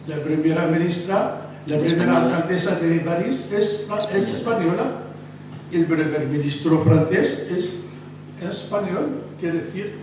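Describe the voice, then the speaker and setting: Hombre palestino dando un discurso en una sala con eco. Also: male voice, on the high side. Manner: halting, searching for words. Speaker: local election candidate. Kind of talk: after-dinner speech. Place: restaurant dining hall. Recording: echoey room from far off, noisy.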